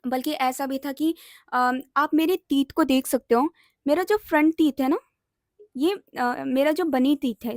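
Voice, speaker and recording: A woman's voice: high voice, no room sound, studio quality. A young woman vlogger telling a personal story in a chatty, emotional way, mixing in English words. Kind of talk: casual storytime monologue.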